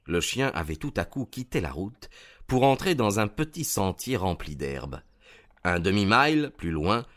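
A man narrating a story aloud in a steady, even reading style. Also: lowish voice. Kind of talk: scripted narration.

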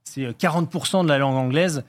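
A man's voice: on the high side, quick pace. A man explaining things in casual chat, with many fillers and restarts. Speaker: guest linguistics enthusiast.

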